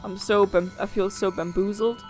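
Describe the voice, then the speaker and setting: A woman's voice: medium pitch, fairly even intonation, normal speed, a little mellow, soft background music. A young woman giving casual, reactive let's play commentary in a rambling way. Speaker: gaming let's player.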